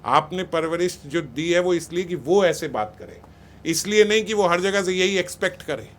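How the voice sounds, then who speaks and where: A man with a high-sitting voice, speaking at normal speed, gives a spiritual talk about raising children. His manner is conversational and scolding, and he often acts out what parents and teachers say.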